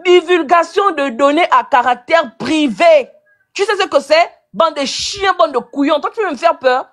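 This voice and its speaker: A woman goes on an angry rant in a live online video, hurling insults and repeating her accusations with combative name-calling. Her voice is high and a bit bright, at a normal speed.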